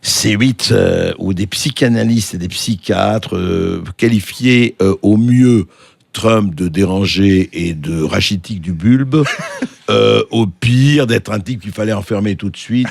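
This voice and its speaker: Gravelly low-voiced man in studio talk. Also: unhurried, no echo. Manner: lively, rambling, laughing asides. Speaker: radio host, guest commentator. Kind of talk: studio discussion. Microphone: studio microphone.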